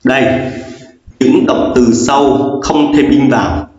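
A male teacher walks through a grammar lesson at a steady, patient pace, going back over every rule with frequent fillers. The room gives a heavy, lingering echo, and the recording sounds dull and lo-fi. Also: medium pitch, takes it slowly. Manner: patient, repetitive explaining with many fillers. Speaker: English teacher.

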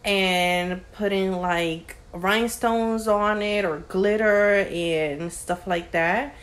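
A woman's voice: mid-range voice, fairly even intonation, takes it slowly, a little hiss or hum. A young woman chatting casually to her phone camera at home, rambling with plenty of fillers as she vlogs. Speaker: lifestyle vlogger. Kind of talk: casual vlog chat. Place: living room, indoors. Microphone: phone camera held at arm's length.

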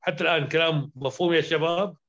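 A man with a somewhat high voice delivers a grammar lesson, laying out each rule and repeating examples. He keeps checking that his students follow along. The recording sounds dull and lo-fi. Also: fast, a bit bright. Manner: explanatory, repeats points and checks understanding. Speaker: Arabic grammar teacher. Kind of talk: lecture explaining grammar verse.

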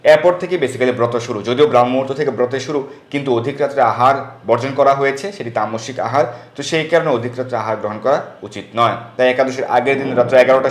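A man with a Bengali accent gives devotional instruction at a middle pitch, going through the fasting rules one item at a time. His voice carries a noticeable roomy echo. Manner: steady, listing rules item by item. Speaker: religious teacher. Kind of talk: devotional instruction and scripture storytelling.

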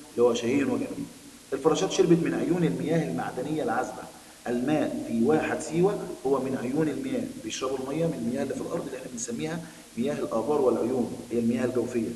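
A man with an Egyptian Arabic accent teaching a primary school Arabic lesson, quickly explaining a text to children. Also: medium pitch, darkish tone. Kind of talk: recorded classroom lesson. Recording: echoey room, distant mic, faint hiss.

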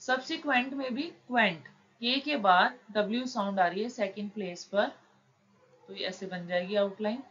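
A woman teaching shorthand, explaining each word slowly and patiently, step by step. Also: fairly bright tone. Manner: slow, patient, drawn-out words. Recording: dull low-fi recording with faint noise.

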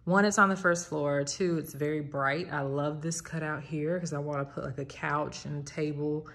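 A young Southern woman with a low, chatty voice leads a casual home tour, full of enthusiasm and frequent "like"s. Her intonation stays fairly even at a moderate pace with a slightly bright tone. The vlogger films on a phone camera while walking through an empty house, and the bare rooms sound echoey.

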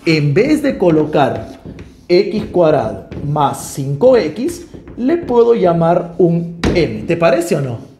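A man teaching math in a lively, joking, coaxing way. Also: a little high, slight background noise. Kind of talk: animated math lesson.

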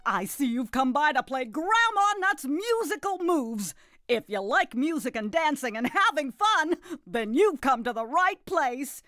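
A woman's voice: high voice, sing-song, measured pace, fairly bright tone, dry recording, clean studio sound, full character voice. A woman voicing a jolly, doting, slightly nutty grandmother who hosts a children's game in a folksy, gleeful, exclamatory way. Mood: delighted, welcoming. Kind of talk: animated children's game narration.

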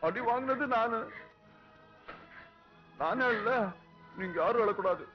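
A man's voice: sits high, animated, slow pace, soft background music. An actor playing a young village man who was beaten, defiantly telling his crying family not to weep, in a dull film soundtrack. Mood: defiant, comforting.

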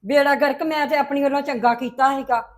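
A woman's voice: sits high, fairly even intonation, a little fast, lightly acted. An actress playing a well-meaning, flustered mother. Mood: defensive. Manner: flustered, defensive. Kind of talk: web drama acting.

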